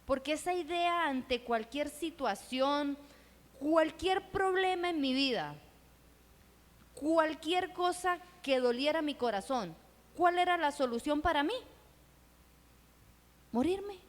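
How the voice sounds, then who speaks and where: High-voiced woman giving a church testimony. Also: measured pace. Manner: earnest, asks the audience rhetorical questions. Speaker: missionary speaker at a church event. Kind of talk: personal testimony sermon. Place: church hall. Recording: reverberant hall.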